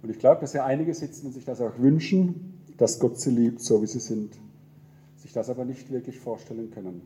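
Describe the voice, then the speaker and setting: Earnest male preacher, very dark voice. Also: mid-range voice, a little fast. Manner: earnest, gentle, repeats phrases. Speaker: pastor. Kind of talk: sermon. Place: church.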